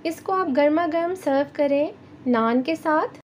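A woman with a Pakistani Urdu accent hosting a cooking channel, giving calm step-by-step recipe instructions in a voice-over. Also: high voice, a little slow, a little hiss or hum. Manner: calm, instructive, addresses viewers directly.

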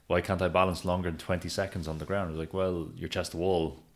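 Brief: low male podcast co-host, handstand coach, animated storyteller. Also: fast talker. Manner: lively storyteller, acts out quotes. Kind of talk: casual podcast conversation.

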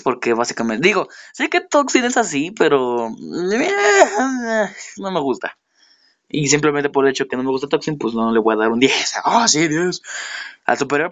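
A man talks through a toy review in a loose, unscripted way. He rambles, corrects himself, and laughs at his own remarks. His pitch sits in the ordinary middle range for a man. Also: fairly bright tone, highs cut off. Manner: rambling, self-mocking, laughs often.

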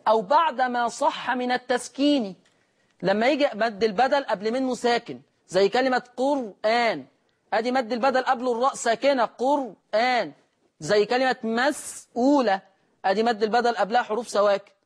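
An Egyptian-accented man leads a recitation class in a high, light voice for a man. He quizzes his listeners and then answers his own questions, and he slows right down to chant the quoted verses in long, drawn-out notes. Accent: Egyptian Arabic. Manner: asks the class questions and answers them himself. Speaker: Quran recitation teacher. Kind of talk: classroom lesson explaining recitation rules.

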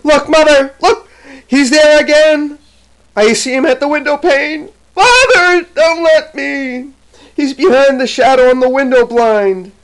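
A man's voice: a little slow, fairly bright tone, exaggerated voice. A man voicing a terrified, delirious little girl who cries out shrilly in a poem reading. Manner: shrill frantic crying out.

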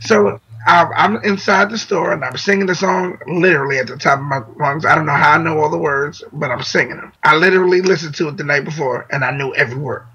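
A man with a bright, slightly husky voice tells stories on a podcast. He talks casually and animatedly, slipping into the voices of the people he describes. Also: a little high, fast, few pauses, highs cut off. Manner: animated, laughs often, acts out voices in his stories. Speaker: singer, producer and vocal coach as podcast guest. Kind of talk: casual storytelling chat.

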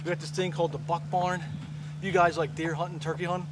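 Excited hunter guy talking to the camera out in the forest, higher voice, lots of background noise. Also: fast talker. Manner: enthusiastic, plugs his website. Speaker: turkey hunting guide and host. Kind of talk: excited outdoor hunting video talk. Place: outdoors in a leafy forest. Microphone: camera mic from a few meters. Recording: outdoor camera audio with loud background noise.

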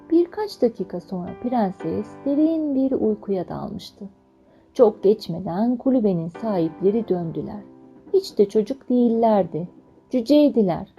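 Brief: woman in her 20s, children's story narrator, lively pitch, dull lo-fi track with faint music. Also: gravelly, breathy edge. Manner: expressive, animated reading.

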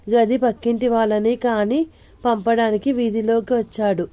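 A woman narrating an audio novel in a steady, even storytelling manner. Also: fairly high pitch.

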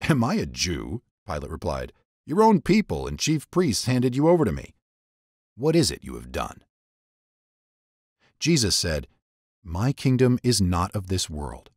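A man reads scripture as a dramatic narrator in a scripted Bible reading, his low voice swinging hugely in pitch. He sets each phrase apart in measured storytelling, and the recording is close and dry.

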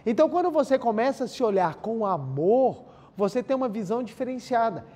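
A man's voice: very high voice, sing-song, fairly quick, mellow. A man with a Brazilian accent giving a spiritual lecture, telling personal stories, repeating key phrases and often addressing the listeners directly. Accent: Brazilian Portuguese.

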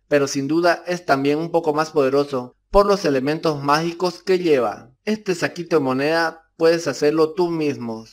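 A man reads a scripted narration in a steady, measured way. His voice sits a little high for a man, and he keeps an even pace through long lists.

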